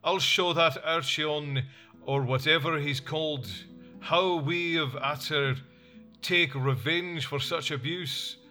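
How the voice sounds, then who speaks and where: A man reading an audiobook voices a furious, hot-headed nobleman who blusters loudly and demands a duel. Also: on the high side, slow pace, soft background music, voice pushed up. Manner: loud, blustering and challenging.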